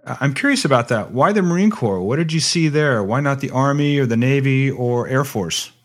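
A man hosts a radio news program. He reads headlines and community listings in a measured, announcer-like delivery. He also interviews guests, and his voice sits at an ordinary middle pitch. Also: lively intonation, slight background noise.

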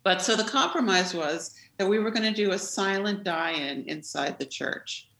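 Animated woman telling stories, roomy sound. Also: mid-range voice, moderate pace. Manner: animated, expressive storyteller. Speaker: interviewee, former activist. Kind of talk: storytelling in an interview. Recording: roomy echo.

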